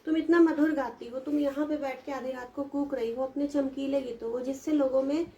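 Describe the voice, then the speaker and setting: A woman teacher who reads verse lines slowly and then explains them in plain talk to students. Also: high voice, fairly even intonation, mellow, highs cut off. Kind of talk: explaining a Hindi poem to students.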